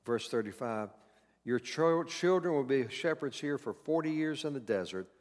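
A man's voice: medium pitch, lively intonation, moderate pace. Man, pastor, conversational sermon, acts out quotes, repeats key words, long hall reverb.

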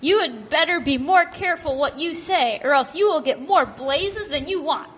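A woman's voice: sits high, expressive, normal speed, a little hiss or hum. A woman playing a sassy, snappy teenage granddaughter in an amateur church skit. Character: sassy teenage granddaughter, quick to snap back.

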